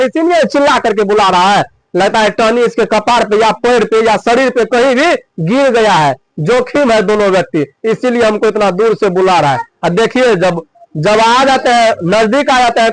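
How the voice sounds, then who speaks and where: A man's voice: extremely high pitch, poor audio. A man telling and explaining a textbook story, asking and answering his own questions again and again.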